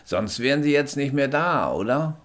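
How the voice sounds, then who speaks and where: A man voicing a brisk, sarcastic male paramedic who is proud of his work, in a read-aloud story. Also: medium pitch, lively intonation, a bit bright, voice pushed up, close to an everyday voice. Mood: matter-of-fact. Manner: sarcastic, matter-of-fact. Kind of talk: audiobook character voice.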